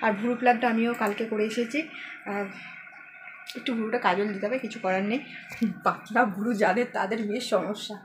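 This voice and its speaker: This family vlogger, a woman in her thirties, speaks at medium pitch with fairly even intonation and a normal speed. She chats casually straight to her viewers while filming at home, with a noisy background behind her.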